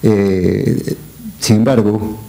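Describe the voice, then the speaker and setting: Mellow-voiced man giving measured panel remarks. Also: fairly low pitch, steady tone, gravelly. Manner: measured, reflective, with filler hesitations.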